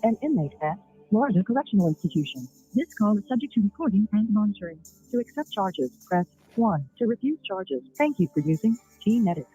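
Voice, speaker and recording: A recorded automated collect-call phone message reading formal prompts quickly. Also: mid-range voice, very animated, warm tone, soft background music. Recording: dull, distant phone-line playback.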